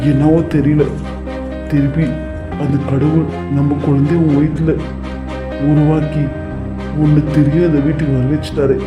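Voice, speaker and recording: A man plays a devoted husband in a cartoon serial, emotional and reassuring. His voice sits a little high for a man. The audio is dull and lo-fi with faint music behind. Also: natural voice. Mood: soothing. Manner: emotional, reassuring, talks in long rushes. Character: devoted husband, new father-to-be. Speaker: voice actor for animated serial.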